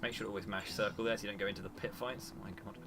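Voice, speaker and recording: A man livestreaming his speedrun, chatting quickly and teasingly over a headset mic while he plays. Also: fairly low pitch, fairly even intonation, music in the background. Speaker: speedrunner streaming his run. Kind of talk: casual chat while playing.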